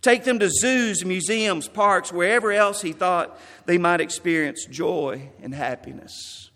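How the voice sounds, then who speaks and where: A man preaching a memorial sermon in a church, earnest and measured, quoting scripture. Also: high voice, a bit bright, long reverb tail. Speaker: pastor.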